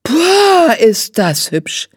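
A woman voicing an excited, bossy little girl in an audiobook, with a high, shrill voice. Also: extremely slow, no echo, clean studio sound, heavily acted.

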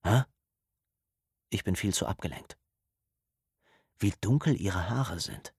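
Husky low-voiced male audiobook narrator. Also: animated, a little slow, a little mellow, no echo, clean studio sound. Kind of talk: scripted first-person narration.

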